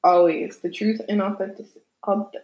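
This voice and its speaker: A woman's voice: medium pitch, fairly even intonation, brisk, darkish tone, reverberant, low-quality recording. A woman, co-hosting a casual podcast chat, who teases and laughs often. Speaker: podcast co-host.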